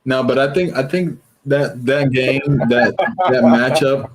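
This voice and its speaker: A man's voice: medium pitch, slow, a loud crowd, poor audio. A man co-hosting a sports podcast, often repeating words as he starts his thoughts. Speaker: podcast co-host. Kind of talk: casual sports chat.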